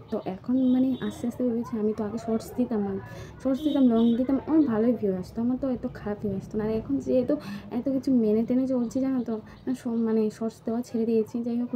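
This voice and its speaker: A woman's voice: fairly high pitch, dark tone. A woman vlogger from Assam talking casually to her viewers at home, hesitant and full of fillers and restarts. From Assam, India. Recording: slightly dull recording with faint background noise.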